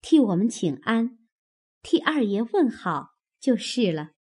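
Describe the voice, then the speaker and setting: A woman voicing a steady, motherly senior maid who gives calm instructions. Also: on the high side, a little slow. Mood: composed.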